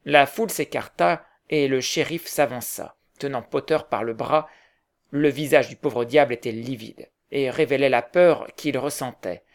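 A man narrating a novel aloud in measured storytelling. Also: mid-range voice. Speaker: audiobook narrator. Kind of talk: scripted narration.

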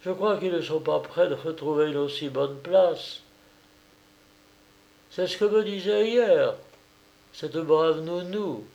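A man's voice: fairly high pitch, slow, long pauses, darkish tone, pitched above the performer's own voice. A man doing a lilting cheerful young wife. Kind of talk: audiobook character reading.

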